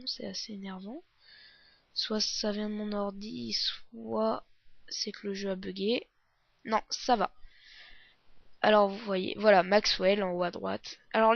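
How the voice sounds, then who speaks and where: A woman with a fairly high voice and a sore throat talks through a video game. She is hesitant and apologetic, like a beginner at presenting. The recording is dry and a little dull. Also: fairly bright tone, no echo. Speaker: let's play presenter, beginner. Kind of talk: casual game walkthrough commentary. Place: indoors, recording at a computer. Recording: dull lo-fi close dry mic.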